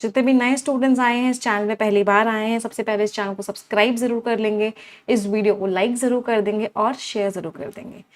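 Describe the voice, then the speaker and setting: Lady running an online vocab class, pretty high voice, quizzes students, repeats her lines over and over. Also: fairly even intonation, fairly quick. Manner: drills words aloud with repeated cues, asks students questions. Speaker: English teacher.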